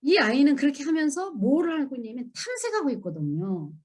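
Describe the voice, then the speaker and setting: A woman's voice: big pitch swings, brisk, darkish tone. A middle-aged woman giving a church seminar lecture, emphatic and asking the audience questions. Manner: acts out children and parents in high voices.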